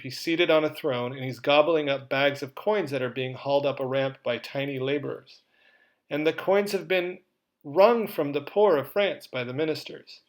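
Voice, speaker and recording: A man delivers an art history lecture in a relaxed, conversational manner, dropping in casual asides as he goes. His voice sits a little high for a man. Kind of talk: recorded lecture.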